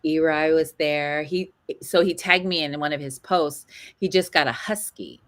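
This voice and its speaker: A woman's voice: low-pitched, measured pace, a bit bright. A middle-aged woman co-hosting a show, chatting casually and greeting listeners by name. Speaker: radio co-host. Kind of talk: casual chat.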